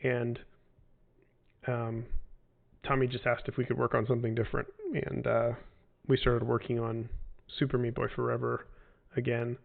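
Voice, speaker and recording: A man in his forties fields fan questions on a casual livestream, rambling and hesitant with many fillers and restarts. His mid-range voice is gravelly and monotone at a moderate pace, and the audio is tinny like a phone.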